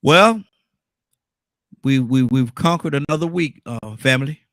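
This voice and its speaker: A man's voice: medium pitch, brisk, dry recording. Man hosting, dry close sound. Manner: repeats phrases for emphasis. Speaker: radio show host. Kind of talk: casual radio talk with banter.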